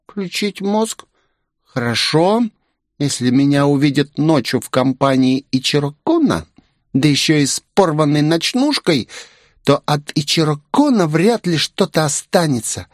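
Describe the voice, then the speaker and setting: A man's voice: on the high side, animated, a little slow, no echo, clean studio sound, pitched above the performer's own voice. A man voicing a tipsy, clingy young aristocrat girl in an audiobook, pouty and drunkenly affectionate. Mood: clingy, playful. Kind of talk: audiobook character voice.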